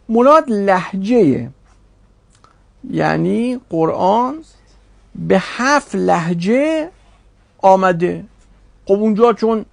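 A man's voice: high-pitched, gravelly, dry recording. A man teaching a religious studies class, reasoning aloud and posing rhetorical questions to his students.

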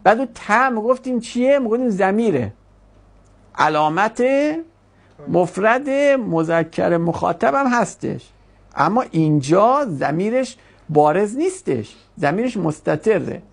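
Animated, gravelly-voiced grammar teacher. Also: mid-range voice. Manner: questioning, drawn-out explaining. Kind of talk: classroom grammar lesson.

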